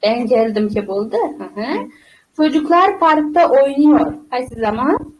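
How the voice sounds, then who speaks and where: Woman, Uzbek accent, high-pitched, very varied intonation, instructive quiz teacher, online lesson. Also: expressive, a little slow, poor audio. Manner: instructive, reads out questions and repeats answers. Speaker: language teacher. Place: online group call. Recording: clear background noise and clicks.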